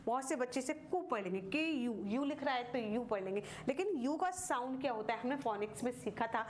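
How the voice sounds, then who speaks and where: High-voiced woman teaching phonics. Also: lively intonation, a little hiss or hum. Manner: slow, drawn-out letter sounds, explaining patiently step by step. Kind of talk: phonics lesson for parents.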